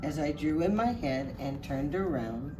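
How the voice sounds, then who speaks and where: A woman playing Mrs. Claus, Santa's wife, reading a storybook aloud to children in an unhurried, expressive way. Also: low-pitched, background noise. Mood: merry, gentle. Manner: unhurried, expressive, addressing listeners directly. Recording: distant mic under clear music. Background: music.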